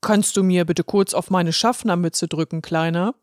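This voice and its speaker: A woman voicing a kindly male ticket inspector, a pen with a moustache, in a low put-on storybook voice that is gruff but encouraging. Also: steady tone, normal speed, dry recording, clean studio sound, close to an everyday voice. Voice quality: deep put-on voice. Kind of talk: storybook reading.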